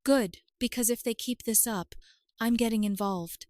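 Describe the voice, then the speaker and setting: A woman's voice: fairly high pitch, normal speed, a little mellow, dry recording, natural voice. A woman voicing a firm, protective uncle who talks bluntly, in a dry recording.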